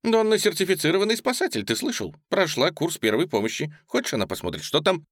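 A man voicing an excitable, mischievous boy who teases his friends in an audiobook. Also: a little high, fast, no room sound, studio quality, voice pushed up. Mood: excited. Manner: eager, teasing.

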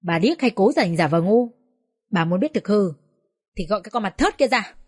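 A woman voicing a furious older village woman who shouts and curses shrilly. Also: mid-range voice, animated, normal speed, slightly rough, dry recording.

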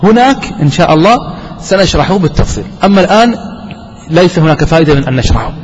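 A man with a fairly high voice teaches a grammar lesson. He keeps asking the class questions and then answers them himself. The recording is dull, and a long reverb rings around him in a lecture room. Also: darkish tone, a little hiss or hum.

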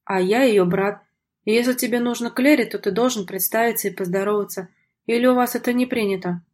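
A woman reading a sullen young man who is quick to anger in an audiobook scene, loud and rude, with lines that come out forceful and combative. Her voice has a husky, breathy grain. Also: fairly high pitch, close to an everyday voice. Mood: hostile. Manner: shouting, rude, aggressive.

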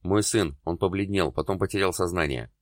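A terrified mother cries out in hysterical pleas, as a man reads her in a deep voice in an audiobook. The sound is close and dry. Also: brisk, dry recording, natural voice. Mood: frightened. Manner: hysterical pleading. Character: frantic woman, a terrified mother.

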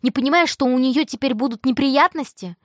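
An angry teenage girl snaps accusations in a raised, sharp voice, as a woman narrator puts her on. The storybook reading is close and dry. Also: high-pitched, brisk, dry recording, pitched above the performer's own voice, close to an everyday voice. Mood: angry scolding. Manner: snapping, accusing.

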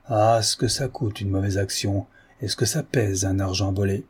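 A tormented painter torn by guilt and bitterness, as voiced by a male narrator. The voice sits low, with a dark, husky grain. A brooding figure from a classic audiobook. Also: steady tone, moderate pace. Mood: anguished. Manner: anguished, bitter self-reproach. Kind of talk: audiobook character reading.

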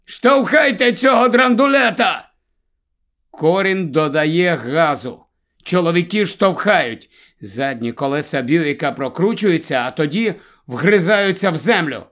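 A man reads a story aloud in scripted narration, taking his time with each phrase. His voice sits a little high for a man, and his delivery stays measured and unhurried. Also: animated, fairly bright tone. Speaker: audiobook narrator.

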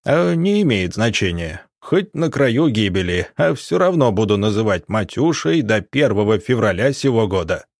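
A man's voice: lowish voice, sing-song, moderate pace, few pauses, no echo, studio quality. Teasing, stubborn young guy, cheeky and jokey; male narrator voices him. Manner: mocking, cheeky.

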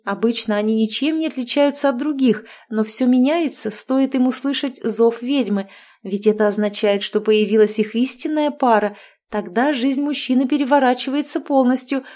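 A woman's voice: fairly high pitch, a little mellow, voice pushed up, lightly acted. Woman playing a gushing, pushy witch mother-in-law. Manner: effusive and bubbly, steamrolling over others.

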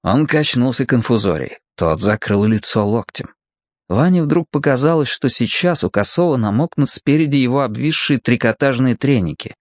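A man narrating a children's story aloud with an expressive, vivid reading. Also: mid-range voice, normal speed, no echo, clean studio sound. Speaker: audiobook narrator.

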